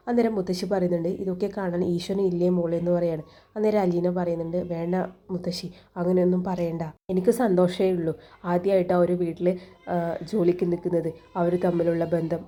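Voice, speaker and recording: A woman's voice: lowish voice, dark tone. A woman casually retelling a TV serial episode scene by scene, quoting each character's lines and tagging them with who said what. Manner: retells dialogue with "she says" tags and fillers.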